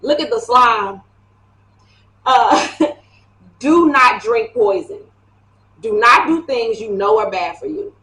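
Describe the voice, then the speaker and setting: Animated woman reading tarot in an echoey room. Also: fairly high pitch, slow, pauses often. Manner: animated, chatty, laughs often. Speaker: tarot reader. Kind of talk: casual tarot reading to camera.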